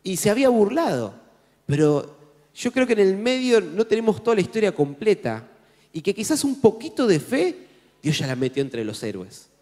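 A man with a Rioplatense Spanish accent, preaching a sermon as pastor in an animated, conversational way with jokes. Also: high-pitched, moderate pace. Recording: echoey hall with faint music.

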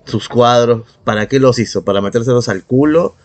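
Recorded a bit muffled, this Peruvian podcast co-host speaks at a normal speed in a mid-range voice. He argues, gets sarcastic, and curses freely while voicing his views on the casual show, with background music underneath.

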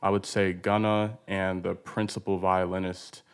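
A man's voice: sits low, flat delivery, normal speed, smooth. A man in his twenties hosting a podcast, chatty and loose, with frequent "like"s and casual swearing. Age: 20s. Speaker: podcast host. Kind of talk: casual interview chat.

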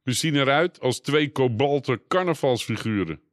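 A man voicing an eager, adventurous young boy in a storybook reading, talking in a quick, animated way close to his own voice. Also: mid-range voice, dry recording, voice pushed up, lightly acted. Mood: wondering. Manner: quick, animated boyish delivery.

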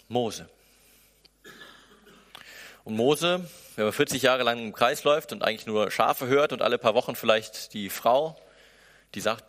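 A man's voice: mid-range voice, a bit bright. German preacher man in a reverberant hall. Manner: conversational, acts out inner voices. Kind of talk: sermon. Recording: echoey hall with long reverb.

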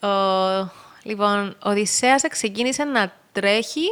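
A young woman with a Cypriot Greek accent, a rally co-driver talking as a guest in a relaxed podcast chat, telling stories loosely with plenty of fillers. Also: mid-range voice, clean tone. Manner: chatty, loose storytelling with many fillers. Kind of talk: casual podcast conversation.

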